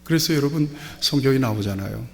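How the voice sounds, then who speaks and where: A man's voice: mid-range voice, expressive, a little fast, vocal fry. A male pastor preaching a sermon, telling Bible stories and acting out quoted prayers and dialogue. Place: church sanctuary. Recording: long hall reverb.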